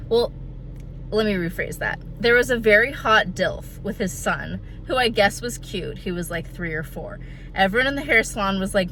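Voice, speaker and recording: Chatty and bubbly, a woman in her thirties vlogs to camera from the car, at home, and out and about, with a slightly stuffed-up sound and self-deprecating remarks. Her medium-pitched voice is bright and forceful, but the audio is poor with slight background noise.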